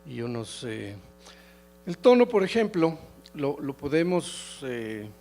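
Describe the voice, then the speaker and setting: A middle-aged man from León with a Mexican Spanish accent, giving a halting academic lecture full of hesitations and restarts. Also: fairly high pitch, very animated, dark tone, soft background music. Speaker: keynote lecturer.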